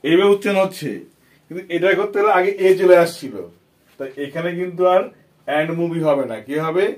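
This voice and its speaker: A man with a fairly high voice talks fairly quickly as he leads an English grammar lesson for children. His accent is Bengali, and he patiently goes over points repeatedly while quizzing the students.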